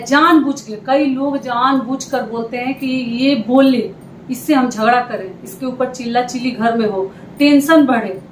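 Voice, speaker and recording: A woman's voice: high-pitched, echoey room, slight background noise, rough recording. A woman giving relationship advice to her viewers in an earnest, repetitive, direct way. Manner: earnest, repeats points, addresses viewers directly. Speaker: advice vlogger. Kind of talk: casual advice talk.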